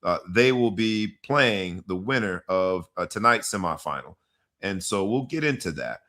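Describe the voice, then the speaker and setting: Animated, showy male sports talk host. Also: low-pitched, unhurried. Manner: showman, dramatic announcer-style delivery with big swings. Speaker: podcast host. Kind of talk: hype sports talk show intro.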